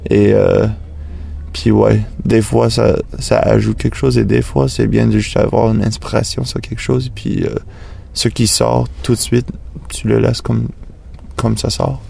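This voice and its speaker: A man, a native English speaker with a foreign accent in French, chatting in an interview and haltingly searching for words. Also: medium pitch, level tone, gravelly, dark tone, slightly rough. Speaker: musician being interviewed. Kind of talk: casual interview chat.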